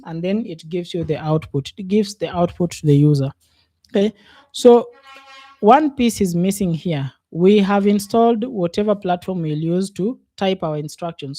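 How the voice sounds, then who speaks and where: A man walks learners through a coding lesson in a warm, mellow voice. He talks it through at an easy pace, pausing on fillers as he works. The sound is close and dry, with no room around it. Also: high voice, dry recording. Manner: unhurried, thinks aloud with many fillers. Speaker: programming instructor. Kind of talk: casual screen-share coding lesson.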